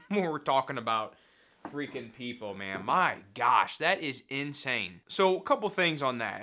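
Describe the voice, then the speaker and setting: A man's voice: mid-range voice, sharp tone. A man in his thirties giving blunt, casual commentary on clips, laughing often. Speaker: finance YouTuber reacting to clips. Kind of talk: casual commentary and sponsor read.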